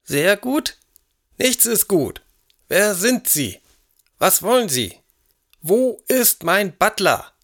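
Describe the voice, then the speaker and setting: Cranky old english lord, high pitched, bossy and huffy, audio drama. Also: male voice, sing-song, takes it slowly, pauses often, fairly bright tone, exaggerated voice. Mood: indignant. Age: older. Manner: gruff, demanding, indignant. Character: elderly, imperious, irritable English aristocrat.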